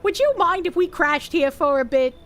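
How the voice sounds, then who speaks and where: A woman voicing a middle-aged country husband who is overly courteous and pushy, with a folksy, falsely sweet manner and a lowered voice. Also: normal speed, a bit bright. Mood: polite, ingratiating.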